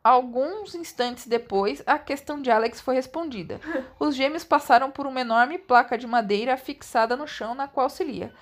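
A high-voiced woman reads a children's story aloud. Her narration is relaxed and playful, and she often slips into giggles. It sounds like a casual read-aloud among friends. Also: normal speed. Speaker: reader of a children's book aloud.

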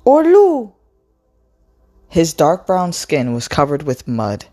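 A woman reading a novel aloud in a slow, expressive storytelling way. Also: deep voice, soft background music. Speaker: book reader.

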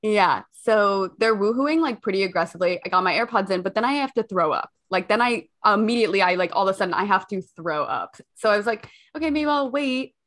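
A woman's voice: medium pitch, fast talker, hardly any pauses, fairly bright tone. A hungover young woman co-hosting a podcast, chatting casually and telling stories in a candid, self-mocking way with loose swearing. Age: young adult. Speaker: podcast co-host.

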